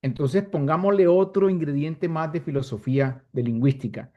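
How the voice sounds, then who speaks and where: A man's voice: fairly high pitch, normal speed, muffled recording. An older man with a coastal Colombian accent, giving earnest, emphatic remarks with rhetorical questions in an online discussion. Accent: coastal Colombian (costeño). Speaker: participant commenting from the audience. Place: remote online call.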